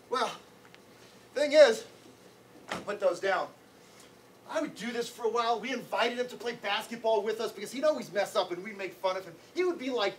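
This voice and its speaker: A middle-aged man, an anti-bullying educator, telling a personal story to schoolchildren in an animated, conversational way. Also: high-pitched. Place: classroom or school hall. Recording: distant mic, faint room noise.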